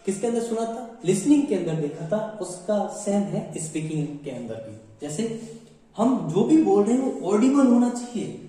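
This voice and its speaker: A man's voice: sits high, warm tone. A male teacher gives an exam-prep lecture, often asking a question and then answering it himself, and repeating his points. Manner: repetitive, asks and answers own questions. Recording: echoey room, far from mic.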